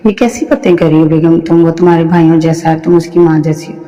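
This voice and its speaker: A man's voice: a little high, flat delivery, fast talker, mellow, in a large hall, soft background music, close to an everyday voice. A man reading the lines of a stern, dismissive young husband in a story, firm and scolding.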